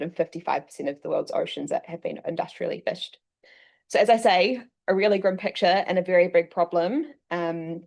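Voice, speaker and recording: A woman from New Zealand giving a presentation to a room full of people. Her voice sits slightly low. She explains in a steady, measured way, filling pauses with ums. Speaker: session co-host presenting. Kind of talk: presentation talk. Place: meeting room with an audience.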